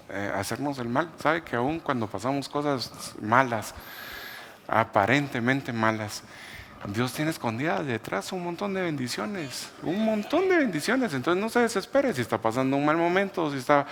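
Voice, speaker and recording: A man preaching a sermon as a pastor, with an animated storytelling manner. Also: on the low side, slight background noise. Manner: storytelling, animated, laughs while telling. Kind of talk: sermon testimony.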